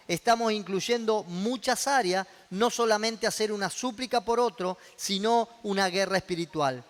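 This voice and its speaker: A man's voice: high-pitched, fairly bright tone, big-room sound. A male pastor with a Rioplatense Spanish accent, preaching a sermon and putting questions to the congregation. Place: church hall.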